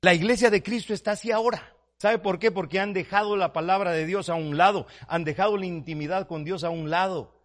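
A man preaching a fervent sermon, swinging from quiet, close talk to loud, repeated declarations and calling listeners brother. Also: on the high side. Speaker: pastor.

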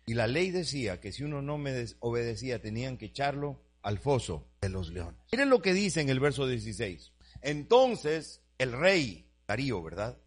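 A man preaching a sermon, stretching words out loudly and then dropping to quiet asides, calling his listeners brother. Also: big pitch swings. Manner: swings between loud drawn-out preaching and low asides. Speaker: pastor.

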